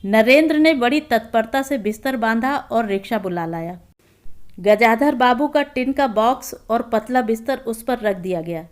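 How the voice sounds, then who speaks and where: A woman narrating a literary short story aloud in a calm, even storytelling manner. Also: a little high, normal speed.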